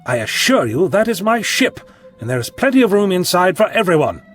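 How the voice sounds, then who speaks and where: A man acts out an eccentric time-travelling doctor in an audio drama. The voice is on the high side and swings freely, breezy and playfully sardonic, with music underneath. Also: very animated, a little fast. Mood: wry, assured. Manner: theatrical, playfully sarcastic.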